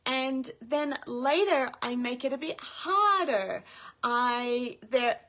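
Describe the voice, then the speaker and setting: A woman's voice: a little high, a bit bright. A woman parent coach teaching in a live video, upbeat and explaining step by step.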